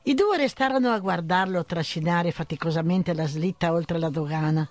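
A man reading a story aloud in an even, measured way. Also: fairly high pitch, no echo.

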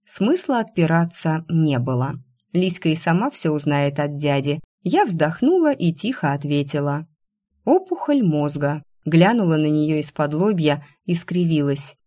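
A woman reading a first-person novel aloud in a wry, expressive way. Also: deep voice, moderate pace. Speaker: audiobook narrator.

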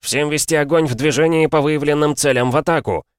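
A man's voice: a little high, steady tone, fairly quick, clear, resonant tone, no echo, studio quality, voice pushed up, natural voice. A man voicing a blunt male tank commander who barks orders in battle. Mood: commanding. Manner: barked orders, blunt and cold.

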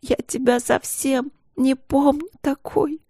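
Woman reading as a young girl, sobbing and clingy, high voice. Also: fairly even intonation, takes it slowly, dark tone, dry recording, clean studio sound. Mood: tearful. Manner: sobbing, pleading. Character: tearful little girl, youngest sister.

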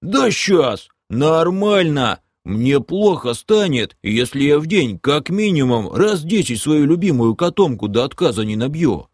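A man voicing a loud, boisterous male half-orc adventurer who hoards loot, with gruff, blunt exclamations. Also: a little high, very animated, measured pace, few pauses, no echo, clean studio sound, pitched above the performer's own voice, exaggerated voice.

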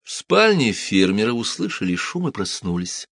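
A man narrating a storybook in a steady audiobook reading. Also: on the low side, normal speed, no room sound, studio quality.

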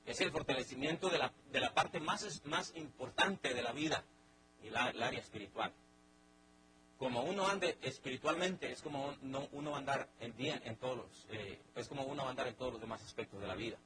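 A middle-aged man with a Mexican accent teaching a Bible study in a lively sermon style, acting out everyday family scenes with many restarts. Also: a little high, slight background noise, low-quality recording.

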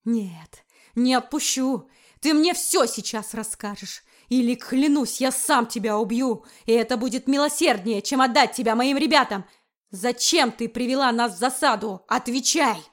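A woman's voice: fairly high pitch, normal speed, close to an everyday voice. Woman doing an enraged young knight commander. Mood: furious. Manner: shouting, harsh, threatening.

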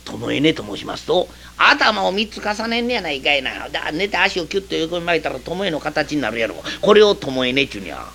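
A man's voice: a little high, very animated, a little fast, few pauses, bright, forceful tone, a little hiss or hum, exaggerated voice. A man doing an obliging Kansai inn servant. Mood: puzzled.

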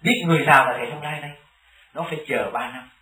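A Buddhist monk teaching a congregation delivers a sermon in a fairly high voice, speaking very fast with a pushed, bright tone. He tells stories and often puts questions to his listeners, heard through a distant mic in an echoey hall.

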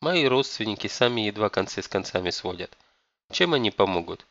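A man voicing a weary, ashamed middle-aged mother who speaks softly and sadly. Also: on the low side, expressive, a little fast, dry recording, muffled recording. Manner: soft, sorrowful.

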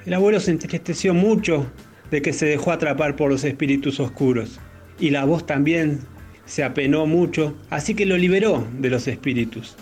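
Man, argentine accent, reading children's legend, measured, slightly high pitch, faint music behind. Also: darkish tone. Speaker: parent reading a child's story.

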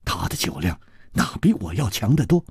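A man's voice: on the low side, very animated, moderate pace, creaky, darkish tone, husky, no room sound, studio quality, voice pushed down, exaggerated voice. A man voicing a charming young swordsman who stammers and answers with good humour. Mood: flustered.

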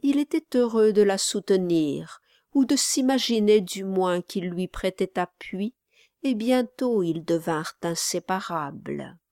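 A woman reading a classic novel aloud as audiobook narrator, slow and measured. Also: mid-range voice, lively intonation, darkish tone, no echo, clean studio sound. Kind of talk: scripted narration.

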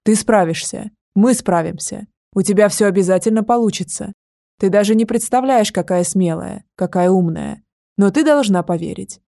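A woman's voice: mid-range voice, normal speed, gravelly, mellow, no echo, clean studio sound, natural voice. A woman voicing a young male dragon who presses his point urgently and insistently. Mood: encouraging.

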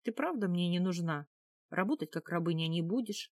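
A woman's voice: on the low side, expressive, normal speed, a little mellow, dry recording. A woman voicing a shrewd, teasing Norse housewife with a blunt, mocking manner in an audiobook. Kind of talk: audiobook character voice.

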